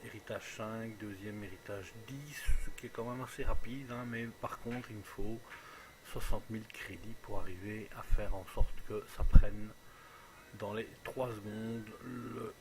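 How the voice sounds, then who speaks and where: Low voiced guy chatting through a let's play, thinking out loud, noisy recording. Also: steady tone, unhurried. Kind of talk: casual game commentary. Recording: clearly noisy home recording.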